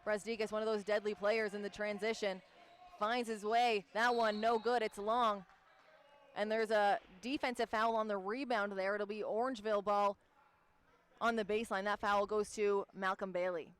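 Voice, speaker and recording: A man with a high, fairly flat voice calls basketball play-by-play from a gym broadcast booth. He rattles off passes, names and the shot clock in a brisk, steady delivery. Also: smooth. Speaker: play-by-play commentator.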